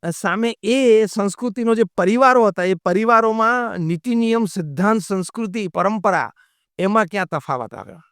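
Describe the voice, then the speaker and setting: A man's voice: sits high, normal speed, a bit bright, smooth, no echo, clean studio sound. A man giving a motivational sermon as a monk, mixing in English phrases and acting out quoted voices. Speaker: monk giving a religious talk.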